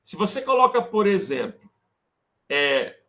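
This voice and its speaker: A male teacher with a Brazilian Portuguese accent gives an online grammar lesson in a high voice with big pitch swings, a slightly slow pace, and a sharp tone. He calls his students "amores," checks in often with "beleza?" and "tá?", and fiddles with his slides while talking to himself.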